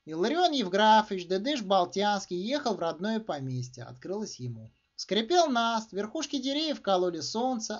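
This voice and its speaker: An author reads his own short story aloud in a high-pitched voice, narrating expressively with emphatic, theatrical phrasing and intonation that swings widely from one phrase to the next. The recording sounds dull and muffled.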